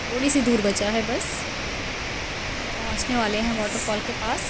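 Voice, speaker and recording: Here a woman on the high side, speaking in a steady tone, narrates a walking travel vlog on a mountain path near a waterfall. She cheerfully highlights the sights for viewers, and her outdoor phone audio carries the sound of rushing water.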